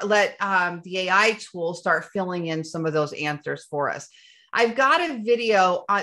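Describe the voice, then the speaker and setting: Woman SEO tutor walking through software on screen, bright tone, eager to the point of breathlessness. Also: lowish voice. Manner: enthusiastic, gets breathless with excitement. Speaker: SEO instructor.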